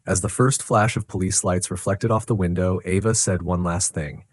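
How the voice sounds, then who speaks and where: A man narrating a dramatic life story in a scripted, slow and measured way. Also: sits low, steady tone, breathy edge, no room sound.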